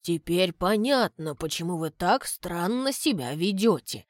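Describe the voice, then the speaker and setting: A woman voicing a courteous, shrewd middle-aged male butler who speaks in a measured, inquiring way. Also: lowish voice, animated, no room sound, studio quality. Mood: calm, reasoning.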